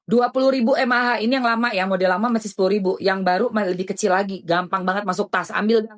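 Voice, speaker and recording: A woman's voice: mid-range voice, fairly even intonation, fast. A woman, chatting casually and indignantly while selling on a live stream.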